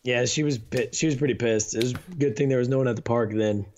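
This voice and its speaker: A man's voice: medium pitch, fast, a little mellow, slight background noise. A man co-hosting a casual podcast, telling stories and acting out quotes. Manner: storytelling, acts out quotes. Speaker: podcast co-host. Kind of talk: casual chat.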